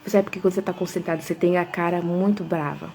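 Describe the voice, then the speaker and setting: A woman's voice: on the low side, steady tone, racing, creaky, darkish tone. A woman hosting a casual devotional talk, chatty and full of storytelling asides. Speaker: devotional host.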